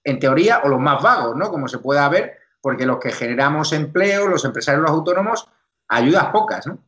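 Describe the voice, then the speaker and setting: Casual interview host, fairly high voice. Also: male voice, expressive, brisk, a bit bright. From Spain. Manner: informal, chummy.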